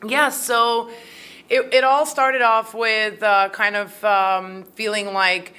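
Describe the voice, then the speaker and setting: A woman's voice: fairly high pitch, level tone, takes it slowly, bright, forceful tone. A woman from Croatia in her thirties, a filmmaker answering interview questions in a chatty way with many fillers, into a handheld mic in a small room. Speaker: filmmaker and actor. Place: small room at a film festival. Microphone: handheld mic held by interviewer.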